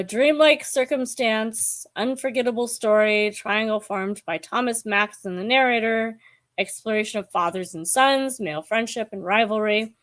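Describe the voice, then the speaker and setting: A woman in her forties chatting casually about books to camera, hesitant and musing, with many pauses and ums. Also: on the high side. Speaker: book vlogger. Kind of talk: casual book chat to camera.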